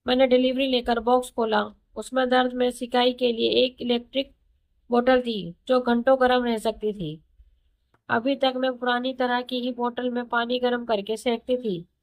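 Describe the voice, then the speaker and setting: Woman reading a first-person story aloud, calm and chatty, voice sits a bit high.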